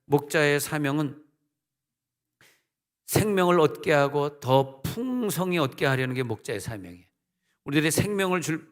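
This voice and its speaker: A middle-aged male senior pastor preaching a sermon, with emphatic rises and conversational asides. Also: on the high side. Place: church sanctuary. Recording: long church hall reverb.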